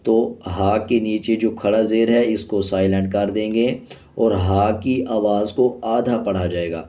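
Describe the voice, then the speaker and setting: A man teaching Quran reading, spelling out syllables very slowly with drawn-out sounds, then explaining the rules more quickly and quietly. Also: on the low side, fairly even intonation. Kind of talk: slow spelling-out lesson with drawn-out recitation. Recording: slightly dull lo-fi sound.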